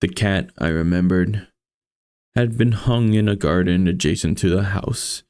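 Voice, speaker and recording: A man with a gravelly voice reads a horror story aloud as a streamer, with casual, foul-mouthed commentary. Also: low voice, measured pace, a little mellow, no room sound.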